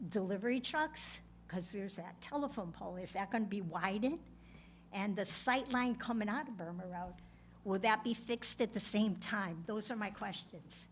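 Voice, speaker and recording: A woman giving public comment at a meeting as a resident, asking practical questions. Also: medium pitch. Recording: faint hum and background noise.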